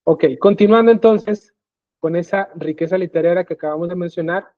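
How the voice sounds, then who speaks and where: Guy with a pretty high voice teaching bible class online, keeps asking if ur following, dry tinny call audio. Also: brisk, no echo. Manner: explanatory, often checks in with "¿sí?" and "¿ok?".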